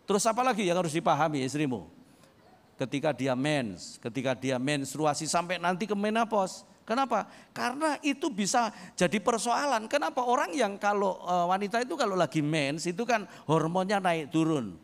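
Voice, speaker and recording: An older man from East Java, a pastor giving a humorous sermon, telling stories and swinging from low asides to loud shouted points. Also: big pitch swings, moderate pace. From East Java, Indonesia. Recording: long hall reverb.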